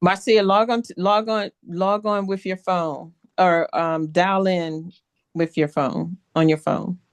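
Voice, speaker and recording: A woman co-teaching a trading class over a video call. She speaks briskly and directly as she reviews students' charts. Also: on the low side, fairly even intonation, dry recording. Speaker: co-instructor.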